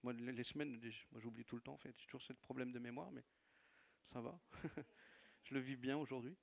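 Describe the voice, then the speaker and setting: A pastor with a non-native French accent gives a sermon testimony in a church hall, telling warm stories of his church filled with laughter and repetition. His voice is medium-pitched and creaky, with a steady tone and moderate pace.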